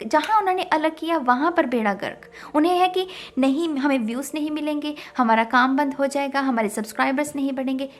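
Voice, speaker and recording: A woman who reads tarot, talking to her viewers about spiritual ideas, emphatic and full of rhetorical questions, mixing English words into her speech. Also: high-pitched. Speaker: tarot reader.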